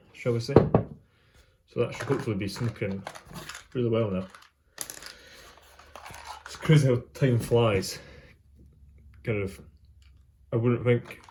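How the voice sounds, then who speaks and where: A man talking casually to viewers as a vlog host, in a halting, unscripted way with trailing phrases. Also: lowish voice, mellow, a little hiss or hum. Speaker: host of a pipe smoking vlog.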